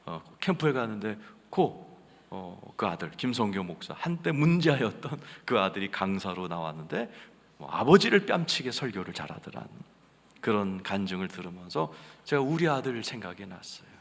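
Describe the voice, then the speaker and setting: A man preaching a sermon as senior pastor, telling a story with sudden swings between loud outbursts and hushed asides. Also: lowish voice, big pitch swings, normal speed, creaky. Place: large church sanctuary. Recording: reverberant church hall.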